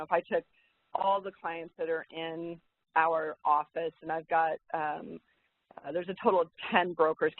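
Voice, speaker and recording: A woman broker speaking frankly and thoughtfully as a guest in a podcast interview, with many fillers and restarts. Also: low voice. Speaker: commercial real estate broker, guest. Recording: phone-line quality audio.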